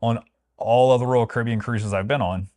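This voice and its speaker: This mid-range male voice is slightly mellow, a little fast, and fairly even in intonation. He co-hosts a travel vlog, chatting informally and giving opinions with a wry, playful edge and mock-grand emphasis in a review-like way.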